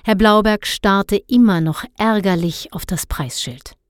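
A woman calmly reading a children's story aloud. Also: mid-range voice, unhurried, smooth, dry recording, clean studio sound. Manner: calm storytelling. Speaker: narrator.

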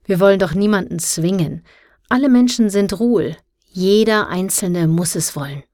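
A woman's voice: mid-range voice, normal speed, a little mellow, no room sound, studio quality, close to an everyday voice. A woman reading aloud, voicing a smug, enthusiastic male teacher in a story. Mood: eager.

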